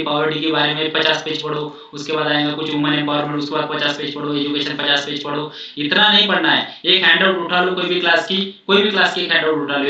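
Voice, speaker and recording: A man's voice: a little high, sharp tone. A male coaching teacher giving study advice in a repetitive, reassuring way, often mixing in English phrases. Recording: echoey room, distant mic, dull sound.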